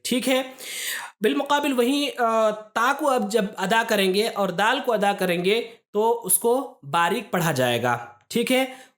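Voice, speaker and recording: Woman teaching letter pronunciation patiently. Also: a little high. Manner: patient, step-by-step explaining with frequent "theek hai" checks. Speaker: Quran recitation teacher. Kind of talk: explaining a lesson to students.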